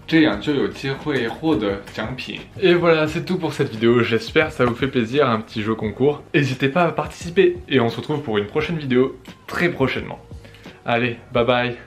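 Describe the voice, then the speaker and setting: A young adult from France, speaking in a mid-range voice, does a casual Q&A vlog in a mix of French and Chinese. He's jokey and playful, often laughing at his own expense, and the room he records in is echoey, with soft music underneath.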